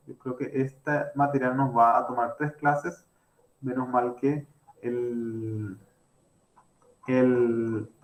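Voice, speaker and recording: A man teaching grammar in an online class, explaining step by step with many fillers and restarts. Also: mid-range voice. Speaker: language teacher. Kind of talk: online lecture. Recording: roomy echo.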